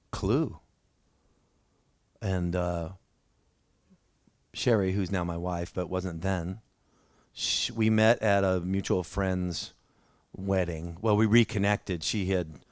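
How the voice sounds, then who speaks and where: A man's voice: sits low, a little mellow, no room sound. A man preaching a sermon in a church, telling his own story in a conversational, self-deprecating way. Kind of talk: sermon with personal testimony.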